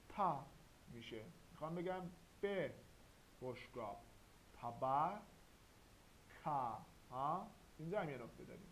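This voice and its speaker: A man teaching a grammar lesson, slow and deliberate, spelling out sounds one by one. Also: mid-range voice, a bit bright, low-quality recording. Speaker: language teacher. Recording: faint hiss.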